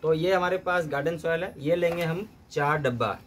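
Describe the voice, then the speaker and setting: Gardening instructor, male, somewhat high voice, steady and methodical how-to delivery, light background noise. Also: normal speed. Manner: steady step-by-step explaining, mixing in English terms.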